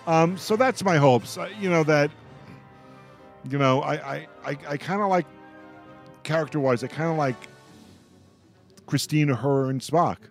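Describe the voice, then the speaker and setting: A man with a slightly high voice hosts a radio roundtable in a casual, rambling fan-discussion style, often stopping to repeat his words, with soft music in the background.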